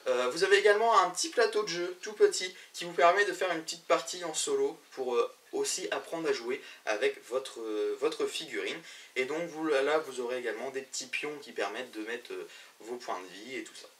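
A man's voice: medium pitch, a bit bright, far from the mic. A man hosting a web show about games, presenting news to camera in a chatty way, with many fillers and restarts.

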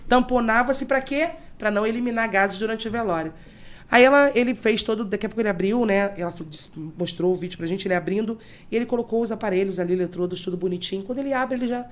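A woman who teaches mortuary science tells stories from her work at a rapid clip, stopping to explain technical terms for her listeners. Her pitch sits in a middle range. Crowd noise can be heard in the background. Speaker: guest, mortuary and embalming instructor. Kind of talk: podcast storytelling.

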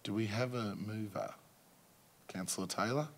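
An Australian man chairing a council meeting as mayor, brisk and procedural, with filler words. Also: fairly low pitch. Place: council chamber.

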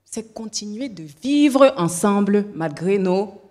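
A woman from Cameroon giving a playful, theatrical speech to a minister on a TV show, stressing her words slowly. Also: mid-range voice, expressive, a little mellow. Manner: playful, theatrical, slow emphatic delivery.

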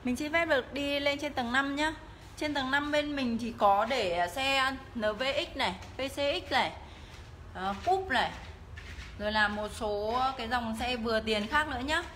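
A woman giving a live, promotional sales pitch as she walks through shop rooms, repeatedly urging viewers to get in touch. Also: moderate pace, fairly bright tone. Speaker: motorbike shop livestream seller. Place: tiled indoor motorbike showroom rooms and stairwell. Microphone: handheld phone, held by the walking speaker. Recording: noisy phone audio in echoing hard-walled rooms.

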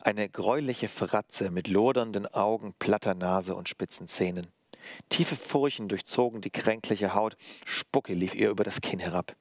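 A male author reading aloud from his novel in a measured, steady way, then explaining the story. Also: on the low side, no room sound, clean studio sound. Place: library reading.

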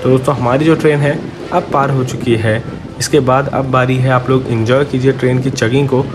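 Riding a moving train, a travel vlogger talks to his audience in a friendly, relaxed way, speaking fairly quickly in a medium-pitched voice with fairly even intonation. Train rumble and wind noise fill the background.

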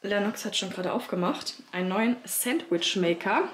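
With a slightly hoarse voice from a cold, a thirty-something mum of three chats casually about her day at home, filming herself on a phone held at arm's length in her child's bedroom and other indoor rooms. She speaks in a mid-range voice at normal speed, addressing viewers directly with many fillers, over some background noise.

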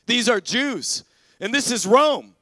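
A man's voice: extremely high pitch, lively intonation, slow, sharp tone, no room sound, voice pushed up, full character voice. A man voicing an angry male mob leader who stirs up a crowd with indignant taunts.

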